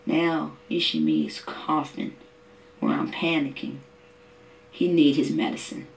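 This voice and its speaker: A woman's voice: deep voice, very animated, measured pace, gravelly, far from the mic, a little hiss or hum, rough recording. A middle-aged mother from Oakland telling her own story in vivid, emotional detail. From Oakland, California. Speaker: interviewee, mother. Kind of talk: personal testimony.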